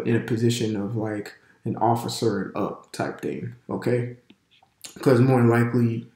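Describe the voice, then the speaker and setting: A religious language teacher gives a casual video lesson while his nose is stuffed up from a cold. His ordinary middle-pitched, slightly mellow voice echoes around a roomy space as he rambles loosely, full of fillers and restarts.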